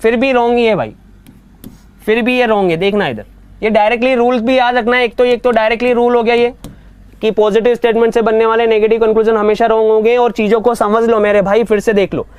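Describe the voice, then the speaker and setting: A man teaching an online reasoning class, often asking whether students have understood and reading statements out slowly. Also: extremely high pitch, steady tone, clear, resonant tone. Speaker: exam coaching teacher.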